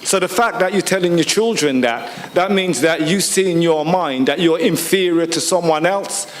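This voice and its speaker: A man born in the UK, speaking forcefully as an audience member at a public hearing and driving his points home with rhetorical questions. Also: a little high, moderate pace, in a large hall, slight background noise. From United Kingdom. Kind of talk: impassioned public comment.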